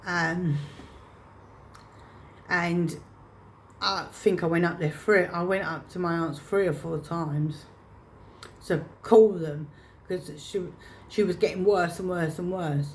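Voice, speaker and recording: Halting woman telling a painful story. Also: on the low side, fairly even intonation, darkish tone, a little hiss or hum. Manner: halting, repeats and restarts phrases. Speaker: vlogger. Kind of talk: personal storytelling to camera.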